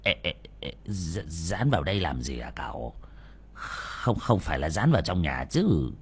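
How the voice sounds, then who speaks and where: A man's voice: deep voice, very animated, moderate pace, breathy edge, voice pushed down, heavily acted. A man voicing a nosy, timid old village man who asks nervous questions. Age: older.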